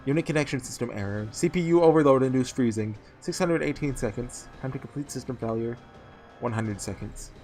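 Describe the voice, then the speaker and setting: A dying machine god stutters through clipped system-error reports like a glitching robot, read aloud by a man playing a game. The voice sits at a plain middle pitch and stays flat and mechanical. Faint music plays underneath. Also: a little fast, natural voice. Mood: cold, failing. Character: failing machine god reporting its own breakdown. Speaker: let's-play streamer reading game dialogue aloud. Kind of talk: reading game text aloud during a playthrough.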